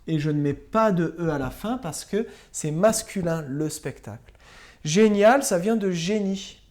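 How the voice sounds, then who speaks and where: A woman teacher giving a slow, patient spelling and grammar lesson to young pupils, spelling words out letter by letter. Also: lowish voice, expressive, darkish tone. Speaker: primary school teacher.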